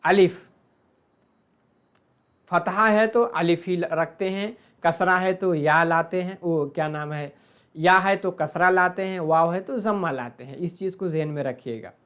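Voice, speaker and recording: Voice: medium pitch, unhurried, a bit bright, clean tone. A teacher, patiently explaining a grammar lesson over slides and drilling verb forms aloud.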